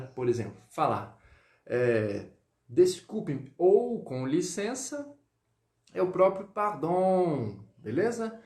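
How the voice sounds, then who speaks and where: A man teaching French in a live online lesson, greeting viewers and drilling pronunciation slowly. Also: on the high side, darkish tone, echoey room. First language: Portuguese.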